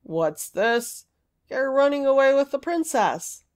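A woman voicing a huge, weary male giant in a storybook reading, loud and slow with heavy sighs. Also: high-pitched, expressive. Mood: gruff.

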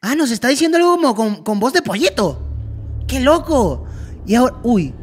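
A man giving excited let's-play commentary, chatting to viewers as friends and yelping at scares. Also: very high-pitched, normal speed, slight background noise. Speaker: gaming YouTuber.

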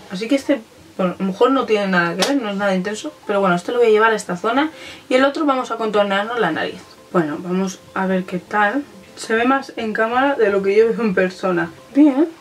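A woman's voice: medium pitch, distant mic. A young woman, chatting casually through a makeup tutorial, thinking aloud with many fillers and hesitations. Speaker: beauty vlogger.

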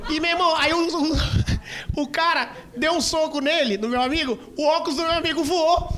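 A male stand-up comedian with a Brazilian accent, telling a story in a rowdy, swearing way and acting out scenes with sudden shouts. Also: very high-pitched, moderate pace, slight background noise. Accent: Brazilian Portuguese. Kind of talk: stand-up routine. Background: audience laughter.

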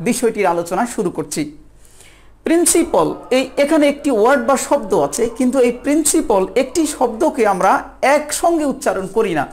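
A woman from Bangladesh, teaching an exam-prep lesson in a patient, methodical way and sounding words out syllable by syllable. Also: sits high. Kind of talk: recorded video lesson.

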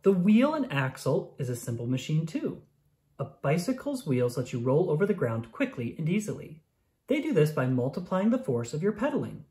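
The reading, aimed at young children, comes from a narrator telling a science book in a clear, expressive storytelling voice of medium pitch and normal speed.

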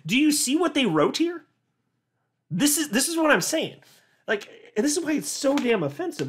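This crypto commentator, a man with a high, fairly bright voice, reads a legal filing aloud while reacting sarcastically. Incredulous, he laughs in disbelief and often restarts words as he gets more worked up.

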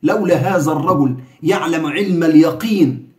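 A man's voice: on the high side, normal speed, darkish tone, echoey room. A man with an Egyptian accent giving heated, sarcastic political commentary.

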